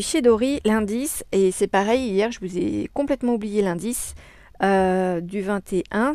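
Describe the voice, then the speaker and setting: Cheerful and eager, this woman records a crafting vlog at her home desk, hesitating often and filling gaps with filler sounds. Her voice sits in the mid-range and is a little mellow.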